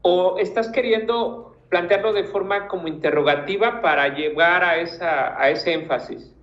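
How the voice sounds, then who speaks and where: A man's voice: high voice, moderate pace, roomy sound, lo-fi sound. A man teaching a class, patiently giving feedback to students by name and restarting his sentences as he thinks. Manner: patient, encouraging, gives corrections by name.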